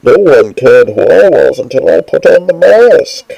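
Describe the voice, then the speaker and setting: A man's voice: medium pitch, very animated, measured pace, gravelly, mellow, husky, no room sound, voice pushed up, full character voice. A man voicing a menacing masked villain, speaking into a mug so his voice comes out muffled. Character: menacing masked male villain, deep and booming. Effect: voice muffled by talking into a mug.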